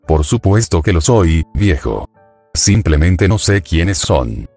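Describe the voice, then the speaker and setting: A man's voice: low voice, very animated, slow, darkish tone, breathy edge, no room sound, faint music behind, exaggerated voice. A man voicing a brash, sarcastic blond teenage boy in a read-aloud fan story. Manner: sarcastic, cheeky.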